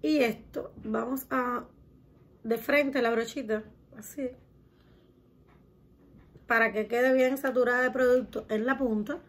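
A young woman walks her viewers through a makeup tutorial step by step, talking to them like friends and sprinkling in diminutives. Her voice sits a little high and has a soft, breathy, husky edge. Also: steady tone, slow pace, long pauses. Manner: chatty, addresses viewers as girls, uses many diminutives.

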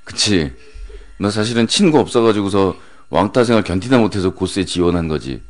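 Give me a low-voiced man in his thirties hosting late-night radio in a lively, teasing way, reeling off word chains. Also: brisk. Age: 30s. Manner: playful teasing, rattling off long word lists in rhythm. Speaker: radio host.

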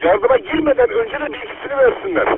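A man speaking as a police chief over police radio, giving a formal, measured announcement. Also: very high-pitched, sing-song. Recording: crackly narrowband police radio, clear noise.

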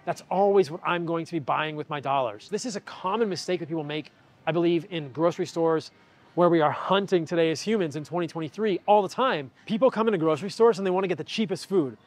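A man's voice: on the high side, quick pace. Emphatic man explaining in a store. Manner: energetic and emphatic, gesturing while holding products. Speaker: health educator and video host. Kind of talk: on-camera explainer. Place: large indoor grocery store. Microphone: lapel mic.

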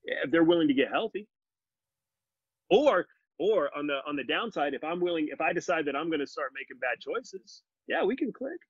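This podcast guest, a man in his forties, has a high-leaning, slightly rough voice with a sing-song lilt, talking a little fast. The casual, conversational interview happens over a video call from his bookshelf-lined living room, where he's earnest and animated; the laptop mic yields muffled, dry sound.

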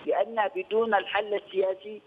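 An older man from Yemen, a studio guest on a news interview, talking in a measured way and repeating phrases, heard over a phone line. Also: sits high, flat delivery, breathy edge. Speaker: studio guest, former press union head.

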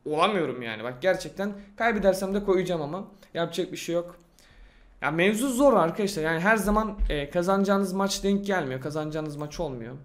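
A young man with a high voice talks through his gameplay in a loose, excitable way. He talks to himself as he plays and brags in slangy speech. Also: a little fast. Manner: slangy and boastful. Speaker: gaming YouTuber. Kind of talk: casual gameplay commentary.

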